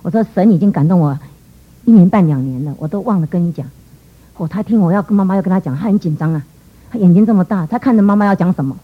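A middle-aged woman shares a church testimony at a quick clip, her voice somewhat husky. She tells her story earnestly and acts out the dialogue as she goes. The recording sounds dull and lo-fi. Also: lowish voice. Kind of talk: emotional personal testimony.

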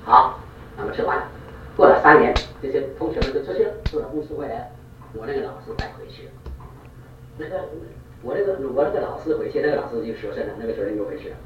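A male preacher tells a story in an animated, quick-moving sermon and repeats points for emphasis. His pitch swings widely. He sounds far from the mic in a reverberant church hall, with dull, muffled sound. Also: slight background noise. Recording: echoey, distant, dull hall recording.

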